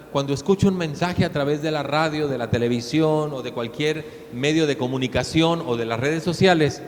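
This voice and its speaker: A man's voice: on the high side, slight background noise. Casting note: middle-aged Mexican man preaching, slightly raised voice, emphatic and storytelling, long hall echo. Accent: Mexican Spanish. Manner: preaches with rising, emphatic storytelling and acted-out quotes. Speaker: pastor. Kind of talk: sermon.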